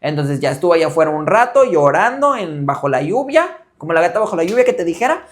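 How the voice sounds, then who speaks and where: Young man, Mexican accent, casual storytelling host, animated, acts out quotes, laughs often. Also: on the high side, fast talker.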